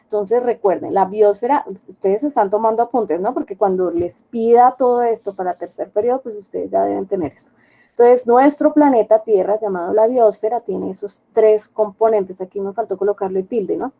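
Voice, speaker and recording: Mellow-voiced teacher explaining. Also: female voice, mid-range voice, moderate pace, gravelly, poor audio. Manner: explanatory, checks understanding with questions. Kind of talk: online class lecture.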